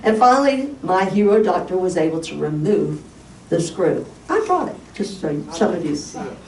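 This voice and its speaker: A woman pastor preaching a sermon as a personal story, animated and acting out the dialogue. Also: on the low side, moderate pace, a crowd in the background. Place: church sanctuary. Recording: echoey church from far off, faint hiss.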